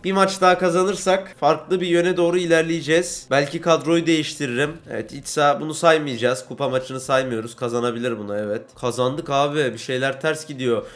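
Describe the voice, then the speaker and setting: Young man in his twenties, gaming commentator, excitable and jokey with sudden loud outbursts, slightly high voice. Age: 20s. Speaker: gaming YouTuber. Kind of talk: energetic gameplay commentary.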